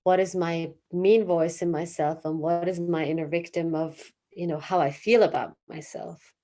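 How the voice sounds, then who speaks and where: Give me a woman therapist in an interview, casual and animated, often searching for words. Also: fairly low pitch, normal speed. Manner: searching for words, many fillers and restarts. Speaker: therapist guest.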